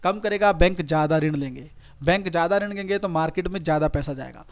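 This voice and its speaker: A man's voice: fairly high pitch, quick pace. A man, teaching a recorded online exam-prep lecture. He talks straight to his students in a chatty, repetitive way. He keeps checking that they follow and tells them to note things down. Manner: conversational, repetitive teaching with frequent "okay" checks.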